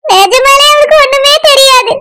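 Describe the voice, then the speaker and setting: A woman's voice: very high-pitched, moderate pace, pushed and bright. A woman voicing a desperate older mother who begs her daughter's in-laws for forgiveness in a Tamil cartoon. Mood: pleading. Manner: begs and repeats terms of respect.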